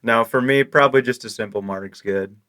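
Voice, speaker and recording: A man with a mid-pitched voice speaks as a podcast guest. His casual remarks are short and understated. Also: fairly quick, noisy background. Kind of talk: casual chat.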